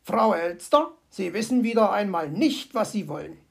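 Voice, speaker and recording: A woman's voice: medium pitch, lively intonation, normal speed, creaky, husky. A woman voicing a grumpy, sardonic male fox in a storybook audio play, grumbling and dryly sarcastic.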